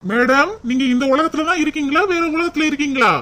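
A woman's voice: high-pitched, quick pace, fairly bright tone, slight background noise. A woman doing an exasperated cartoon office manager. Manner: exasperated, formal. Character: polite but exasperated male office manager. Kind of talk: cartoon voice acting.

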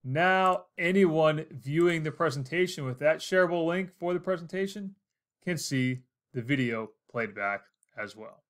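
In his forties, an American man narrates a laid-back instructional screencast, explaining each step. As the tutorial host, he speaks unhurriedly in a fairly high, animated, slightly bright voice.

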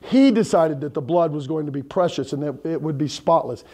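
A middle-aged pastor paces and gestures in a church hall fitted with a projection screen, keeping his sermon conversational and firing questions at the congregation. His voice is pitched fairly high but sounds dark, mellow and gravelly, delivered animatedly and a little fast.

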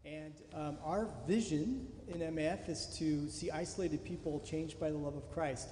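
A middle-aged man, a missionary pilot, giving an earnest, halting thank-you to a church congregation, speaking into a handheld mic in a large sanctuary. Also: a little high, steady tone, mellow. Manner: earnest, halting, repeats words. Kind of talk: church guest address. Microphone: handheld microphone. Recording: echoey church hall with faint noise.

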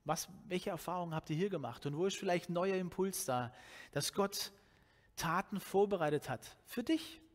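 A man's voice: high-pitched, moderate pace. A man in his forties from Swabia with a Swabian German accent, preaching a sermon in a loose, conversational way, often restarting his sentences, speaking into a headset mic in a church hall. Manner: conversational, animated, with many restarts and fillers. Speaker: pastor.

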